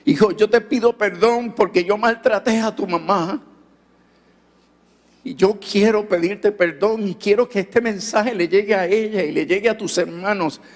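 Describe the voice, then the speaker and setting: A grave, remorseful father, voiced by a preaching man who drops his voice lower than his own. He speaks slowly and tenderly, with a long hall echo trailing each phrase. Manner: slow, grave and tender, repeatedly calling out "son". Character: remorseful aging father apologizing to his son.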